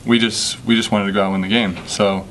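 A young man, a college basketball player, answering questions at a postgame press conference at a table mic, halting with many fillers. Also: fairly low pitch, level tone, a bit bright, a little hiss or hum. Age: young adult. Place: press conference room with sponsor backdrop. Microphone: table microphone.

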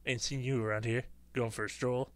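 A man's voice: mid-range voice, level tone, brisk, no room sound, close to an everyday voice. Game NPC: a man voicing a middle-aged neighbor man, folksy, nosy, chatty. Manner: folksy, nosy small talk.

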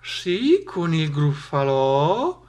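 A man voicing a silly, easily startled female snake in a storybook reading, high and drawn out. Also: very animated, extremely slow, heavily acted. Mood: astonished.

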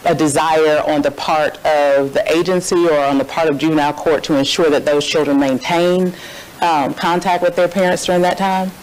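A woman's voice: low-pitched, fairly even intonation, moderate pace, darkish tone, low-quality recording. A woman questioning a witness in a courtroom, hesitant with many fillers but pointed in her questions. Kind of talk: courtroom cross-examination.

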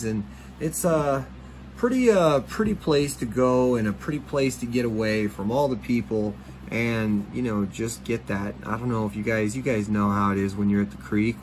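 A man's voice: medium pitch, a little hiss or hum, low-quality recording. A man hosting a fishing channel, talking casually in a rambling voice-over with many fillers and restarts.

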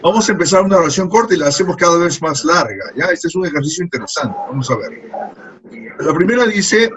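A man's voice: a little high, animated, fast talker, a crowd in the background, low-quality recording. A man teaching an English class in to a group of students, patiently repeating words and phrases. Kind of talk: classroom lesson.

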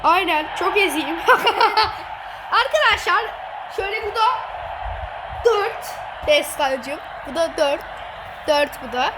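A woman giving excited commentary over a football video game, teasing and gloating at her opponent and laughing often. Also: very high-pitched, slow pace, pauses often. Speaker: gamer streamer. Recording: noisy game audio behind.

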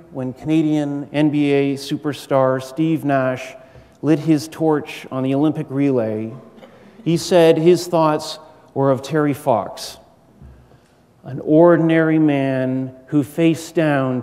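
A middle-aged man giving a prepared formal speech as a university lecturer, measured and earnest, with deliberate rhetorical pauses. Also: a little high, a little mellow. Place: large university auditorium stage. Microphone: gooseneck podium microphone. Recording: echoey hall with long reverb.

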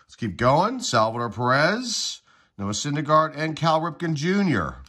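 With a fairly high, breathy-edged voice and an unhurried pace, this card-collecting channel host reels off player names during relaxed pack-opening commentary. He is at a table inside, still congested from a cold.

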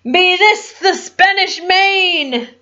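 A woman voicing a loud, boisterous male pirate captain in a storybook reading, with hearty, bellowing pirate talk, on a dull lo-fi recording. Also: extremely high pitch, drawn-out words, voice pushed up, exaggerated voice.

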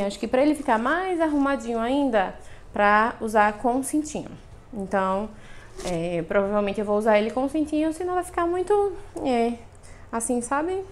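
Chatty young woman showing a clothing haul. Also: on the high side. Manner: chatty, lots of diminutives, addresses viewers directly. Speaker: vlogger. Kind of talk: casual try-on haul vlog. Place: apartment living room by a balcony window. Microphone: clip-on lapel mic.

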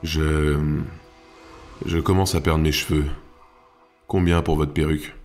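A man voicing a cool-headed, menacing city guard who speaks calmly and steadily. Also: very deep voice, a little slow, soft background music. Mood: wry. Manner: calm, steady, cold.

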